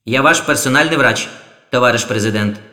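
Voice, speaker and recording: A man's voice: medium pitch, a little fast, sharp tone, echoey room, voice pushed up. A man voicing a nervous, obedient male doctor who answers eagerly. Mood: dutiful. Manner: dutiful, eager to please.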